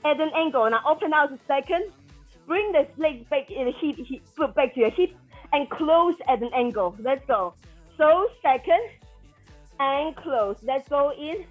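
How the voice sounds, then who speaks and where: Over background music in a dull lo-fi recording, a woman leads a floor aerobics class, calling counts and commands. Her high-pitched voice has lively intonation and an unhurried pace, and she keeps the tone encouraging and motivating.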